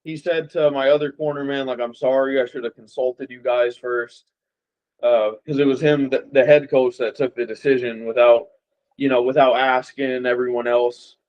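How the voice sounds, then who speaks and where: On a dull lo-fi recording, a young man from Las Vegas, USA, appears as a boxer guest in a casual interview chat. He uses a mid-range voice at a normal pace, staying relaxed and rambling with lots of fillers.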